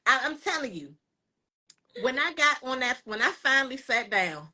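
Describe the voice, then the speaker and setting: A woman with a bright, forceful voice pitched a little high, spinning a story for her listeners. She talks casually, acts out the moments, and keeps checking in with her audience. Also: moderate pace. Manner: animated, dramatic retelling with asides to listeners. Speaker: co-host.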